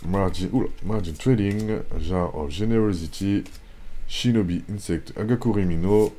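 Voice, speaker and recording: A lower-pitched French man hosts a casual pack-opening video. He rattles off card names in a plain, steady list, then breaks into quick, excited exclamations over the rare finds. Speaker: YouTuber opening card packs.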